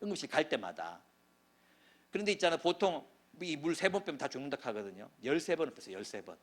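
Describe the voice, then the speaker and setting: A middle-aged male pastor delivers a sermon through vivid storytelling. His voice sits fairly high for a man and swings widely in pitch, swelling into loud bursts and then dropping low. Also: fast talker. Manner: animated storytelling, voice swells and drops sharply. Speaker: pastor, guest speaker.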